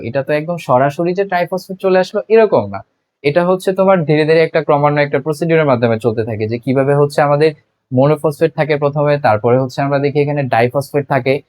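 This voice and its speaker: A man's voice: on the high side, dry recording. A young man with a Bangladeshi Bengali accent giving a biology lecture, explaining step by step and asking and answering his own questions. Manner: constant filler words, frequent restarts. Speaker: biology tutor. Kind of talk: classroom lecture.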